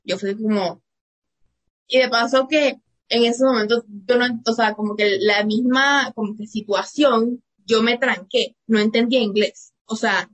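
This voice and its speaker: A woman's voice: a little high, steady tone, unhurried. A young woman from Venezuela with a Venezuelan accent, a student guest telling a personal story with many fillers. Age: young adult.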